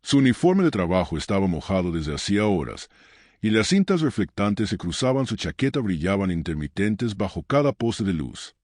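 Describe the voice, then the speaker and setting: A man narrating a scripted story in a measured way with dramatic pauses. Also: on the low side, sing-song, a little mellow, no echo, studio quality.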